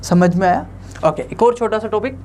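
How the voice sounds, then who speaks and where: A man's voice: high-pitched, moderate pace, a little mellow, slight background noise. A young man teaching an online lecture in a conversational way, often asking the viewers rhetorical questions.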